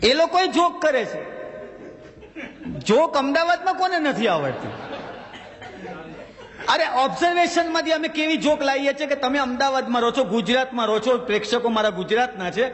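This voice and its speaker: A man's voice: very high voice, animated, moderate pace, pauses often, a bit bright, big-room sound. A man doing a stand-up comedy monologue with a Gujarati accent, telling anecdotes and slipping into character voices for the punchlines.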